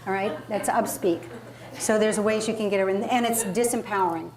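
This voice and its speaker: Fairly quick and a little mellow, this medium-pitched woman runs an interactive workshop as a public speaking coach, speaking emphatically and conversationally while quizzing her audience. The audio is poor, a live room recording with clear background noise.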